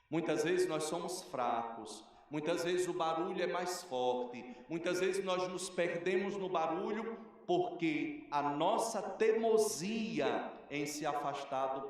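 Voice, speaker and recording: A man with a Brazilian Portuguese accent, a parish priest giving a homily in an earnest, measured preaching manner with rhetorical questions, recorded in a cathedral. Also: a little high. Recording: echoey cathedral, mic at a distance.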